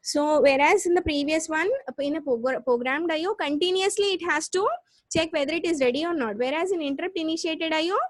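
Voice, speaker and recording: A woman with a South Indian accent teaching a live online class, explaining step by step with repeats and halting restarts. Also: sits high, dry recording. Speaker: computer science lecturer. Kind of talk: live online lesson with check questions.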